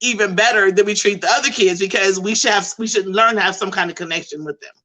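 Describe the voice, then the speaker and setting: A middle-aged woman, a school behavior specialist, telling stories in an animated, emphatic way during a panel discussion. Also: medium pitch, quick pace, low-quality recording. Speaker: behavioral support intervention specialist.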